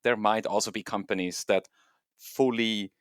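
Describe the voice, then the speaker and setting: Low-voiced man, dry sound. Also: steady tone, moderate pace, clean tone, dry recording. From Switzerland. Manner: thoughtful, loose phrasing with many fillers. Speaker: guest, software engineer and home miner. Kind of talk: casual interview talk.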